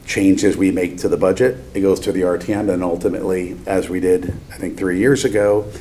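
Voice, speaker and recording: A man with a low, mellow voice explains his views at a board meeting. He qualifies his points as he goes, with faint noise behind him. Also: steady tone, fairly quick. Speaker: board of finance member. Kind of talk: measured meeting remarks.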